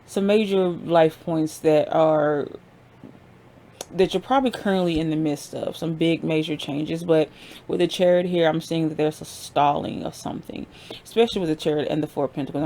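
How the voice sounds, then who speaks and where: A woman's voice: low voice, fairly even intonation, normal speed, mellow, a little hiss or hum. A woman giving a casual pick-a-card tarot reading, conversational and informal, laughing often as she talks. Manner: informal slang, frequent fillers. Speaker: tarot reader.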